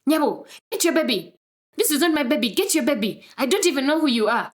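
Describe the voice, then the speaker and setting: A woman voicing an angry young man who loudly denies a baby. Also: mid-range voice, big pitch swings, fast. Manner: loud and exasperated.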